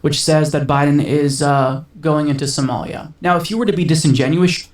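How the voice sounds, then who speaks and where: A man's voice: a little high, steady tone, normal speed, far from the mic. A man co-hosting a political chat show, talking in long, sarcastic, indignant runs. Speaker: podcast co-host. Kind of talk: casual political commentary. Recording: echoey room, away from the mic.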